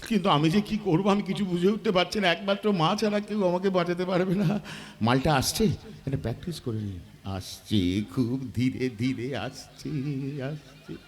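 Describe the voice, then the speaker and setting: A man's voice: high voice, fast, close to an everyday voice. A man playing a nervous, henpecked husband in a folk stage comedy. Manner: fretful, comic.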